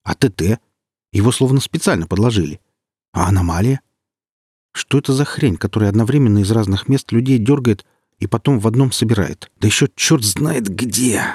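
Grif: a man voicing a gruff cynical stalker. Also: on the low side, fairly quick, darkish tone, dry recording, clean studio sound.

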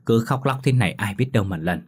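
A stern older village woman scolding in a matter-of-fact way, voiced by a man. The voice is low and husky. It is told as an audiobook ghost story. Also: lively intonation, fast talker.

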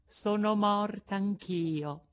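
A man's voice: high-pitched, takes it slowly, voice pushed up. A man voicing a pale, ghostly little girl with a faint, otherworldly small voice, in a storybook reading. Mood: eerie.

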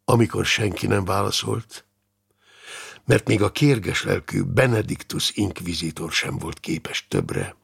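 A male audiobook narrator with a gravelly, husky voice. He reads with dramatic expression. His pitch moves a lot, rising and falling through each sentence. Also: lively intonation, fairly bright tone. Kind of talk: scripted narration.

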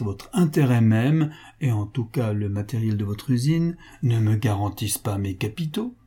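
A man's voice: medium pitch, dark tone, husky. Man playing a cynical, wheedling financier. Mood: coaxing. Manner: wheedling, mock-jovial, coldly insistent. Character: cynical wealthy male financier, falsely affectionate.

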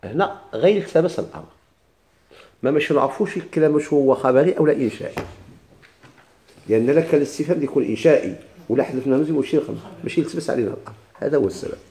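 A man with a Moroccan Arabic accent teaches a recitation lesson at a brisk clip. His voice sits a little high and sounds dark and mellow. He breaks off and restarts words as he spells them out, then asks the class questions. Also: lively intonation, a little hiss or hum. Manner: repeats words slowly, with many restarts. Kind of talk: classroom lesson explaining a text.

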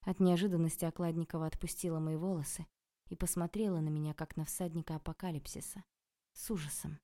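A woman narrating a novel in the first person, expressive and ironic. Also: low voice, fast. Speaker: audiobook narrator.

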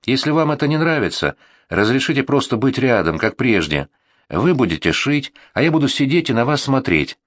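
A man's voice: medium pitch, sing-song, moderate pace, no echo, studio quality, pitched above the performer's own voice. A man doing a lovesick, pleading eighteen-year-old. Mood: desperate. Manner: pleading, earnest, breathless insistence.

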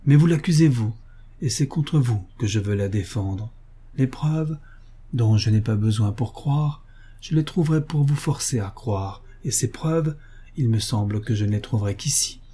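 A man's voice: mid-range voice, lively intonation, normal speed, dark tone, husky. A man reading aloud a letter from a determined young wife, in an earnest, firm tone. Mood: resolute.

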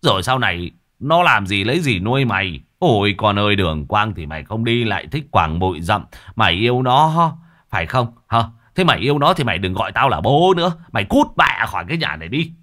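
A man's voice: on the low side, sing-song, fairly quick. A man voicing an angry old father scolding his daughter in a story reading. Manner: scolding, loud.

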